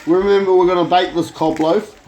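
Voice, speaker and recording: A man's voice: high voice, steady tone, fairly quick, darkish tone, poor audio. A man giving an informal, sweary home cooking demonstration as an amateur cook, sounding drunk. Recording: clear background noise, clicks.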